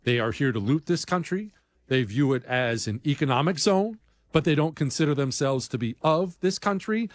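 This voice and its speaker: A man's voice: a little high, lively intonation, moderate pace, dry recording. A man hosting a talk show, delivering a blunt, combative monologue full of rambling asides. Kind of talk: opinionated radio-style monologue.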